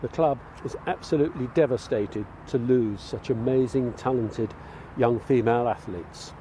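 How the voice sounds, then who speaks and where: A man, a sports club chairman, reading a solemn, measured statement outdoors. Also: medium pitch, mellow, slight background noise, rough recording. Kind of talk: formal statement.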